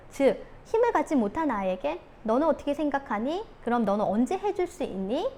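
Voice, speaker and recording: A woman giving a talk on parenting, who acts out scolding mothers in sharp outbursts. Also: sits high. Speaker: parenting coach.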